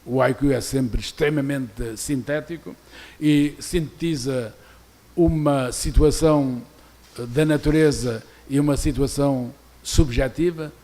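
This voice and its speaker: A man's voice: medium pitch, measured pace. An older man from Portugal with a European Portuguese accent, giving an academic lecture in a university auditorium, talking in a discursive way with many restarts. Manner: discursive, many restarts, reads quoted verses aloud more loudly.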